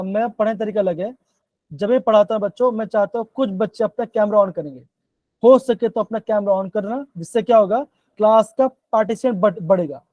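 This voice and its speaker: A man's voice: sits high, darkish tone, no echo, muffled recording. A man teaching a live online chemistry class, coaxing students with repeated check-ins. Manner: coaxing, repeats "bachchon" and "theek hai". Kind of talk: live online class in Hindi-English mix.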